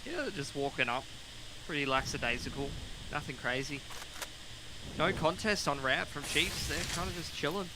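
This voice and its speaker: A man's voice: a little high, lively intonation, normal speed. A man giving casual, chatty analysis during a video game match. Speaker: esports commentator. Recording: clear game noise behind.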